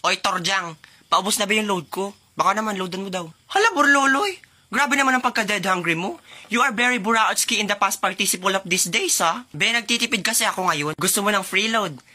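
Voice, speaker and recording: A man's voice: high voice, fairly quick, bright, forceful tone. A Filipino man acting out playful comedy skits, teasing and switching between many characters. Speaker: comedy sketch creator. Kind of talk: one-man comedy skits playing all roles.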